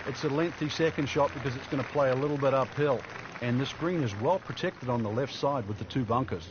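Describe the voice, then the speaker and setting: A man working as a golf commentator and analyst, explaining the course in a measured way. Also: medium pitch. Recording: dull audio, loud crowd and outdoor noise. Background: golf crowd and outdoor ambience.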